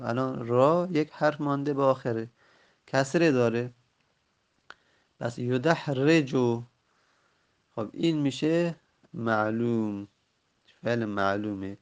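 A man teaching grammar from a textbook, patiently repeating word forms and spelling them out slowly. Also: mid-range voice. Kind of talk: recorded lesson explaining a textbook.

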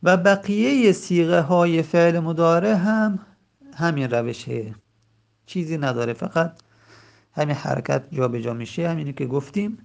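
A man teaching a grammar lesson. He says the example words slowly and drawn out, then explains quickly. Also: on the high side, vocal fry.

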